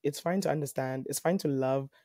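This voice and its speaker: A woman's voice: a bass voice, fairly quick, no echo, clean studio sound. A young woman from Africa, chatting as a podcast guest, rambling with many fillers and restarts. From South Africa. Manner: rambling, many fillers and restarts, animated when quoting others. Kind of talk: casual interview chat.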